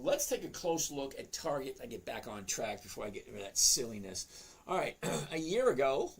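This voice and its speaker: A man in his sixties from the Boston area hosts a trading livestream, chatting casually, cracking jokes, and addressing viewers by name. His voice is medium-pitched and husky.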